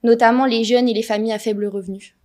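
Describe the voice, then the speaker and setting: A woman's voice: on the high side, fairly even intonation, fast, darkish tone. A young woman with a French accent, a student from France, asking a polite, prepared question in a studio.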